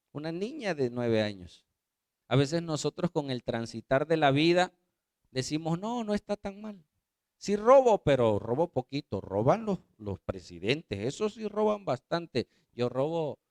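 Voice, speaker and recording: A man's voice: medium pitch, a little mellow, clear, resonant tone, no room sound, clean studio sound. A man preaching a sermon as pastor, posing rhetorical questions and acting out quoted voices.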